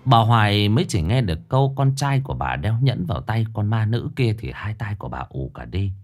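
A man narrating a ghost story in a dramatic, expressive storytelling manner. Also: on the low side, brisk.

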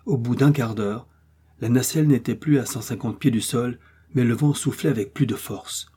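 A man reading a classic adventure novel aloud as scripted audiobook narration, in a steady, measured way. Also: medium pitch, husky. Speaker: audiobook reader.

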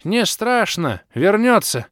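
Man doing a high-pitched old lokhr creature. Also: sing-song, slow pace, a bit bright, no room sound, studio quality, exaggerated voice. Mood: excited. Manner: folksy, rhyming, superstitious. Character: old male lokhr creature, cheerful, cryptic.

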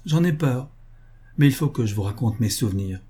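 A man reading as a witty young gentleman who teases his companions with playful tall tales. The voice is dark and husky in a novel read aloud. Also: mid-range voice, animated, moderate pace. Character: young Englishman, witty and teasing.

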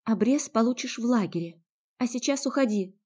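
A woman voicing a fiery young woman shouting orders. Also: a little high, expressive, normal speed, pitched above the performer's own voice. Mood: firm. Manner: commanding, rising to shouts. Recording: dull lo-fi recording.

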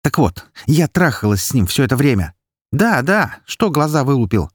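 Man doing a scorned young woman, harsh and raised in pitch, husky edge, audiobook. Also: very animated, brisk, no echo, studio quality. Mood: venomous, mocking. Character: bitter angry young woman, scorned girlfriend. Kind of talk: audiobook dialogue.

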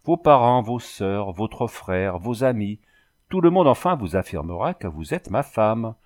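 A man's voice: fairly low pitch, expressive, unhurried, darkish tone. A man voicing an earnest young husband who keeps pressing his wife with questions. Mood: urging.

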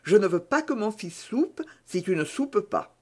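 A woman's voice: mid-range voice, sing-song, measured pace, darkish tone, pitched above the performer's own voice. Woman voicing an earnest peasant father. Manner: earnest, self-reproaching. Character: earnest male farm laborer, humble father. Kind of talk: audiobook character reading.

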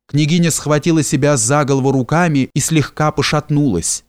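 A man narrating a historical novel in a measured, expressive reading. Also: a little high, no room sound, clean studio sound. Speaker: audiobook narrator.

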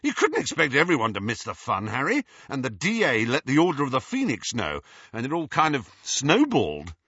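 A man's voice: mid-range voice, wildly swooping pitch, brisk, bright, forceful tone, husky, no room sound, lo-fi sound, heavily acted. A man voicing a cheeky young man in an audiobook, breezy and offhand.

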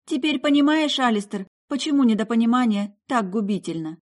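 A woman's voice: fairly high pitch, lively intonation, brisk, pitched above the performer's own voice. A woman voicing an eager young female soul healer who presses with question after question. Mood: coaxing.

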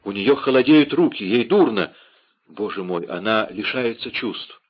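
A man's voice: on the low side, animated, a little slow, slightly rough. A man reading a passionate young swordsman in an audiobook, urgent and crying out in alarm. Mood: desperate. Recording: dull lo-fi audiobook recording.

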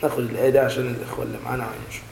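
A man teaching Quran recitation, who slowly demonstrates each word and repeats it to correct pronunciation. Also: mid-range voice, little pitch movement, creaky. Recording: roomy echo with faint background noise.

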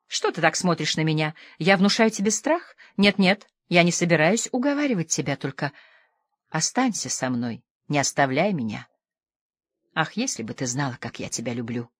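A woman's voice: fairly low pitch, no room sound, clean studio sound. A woman playing a tormented opium-dreaming lady. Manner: pleading, swings between soft murmurs and sudden outbursts. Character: tormented opium-addicted woman, pleading, feverish.

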